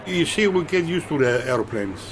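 An older man who runs a pizzeria, speaking relaxed, short English phrases that often end in tag questions, at the counter of his restaurant. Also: a little high, moderate pace, over a noisy crowd. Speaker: pizzeria owner, interviewee.

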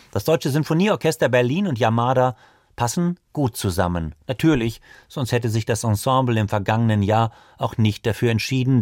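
A man reading a scripted radio feature in a measured, precise way. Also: medium pitch, darkish tone, no room sound. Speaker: radio presenter. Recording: dry studio sound.

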